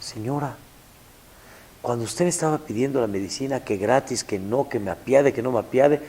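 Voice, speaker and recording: A man voicing a curt pharmacist in a told story, brisk and matter-of-fact. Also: mid-range voice, mellow, lightly acted. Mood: apologetic. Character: curt male pharmacist, stern then remorseful.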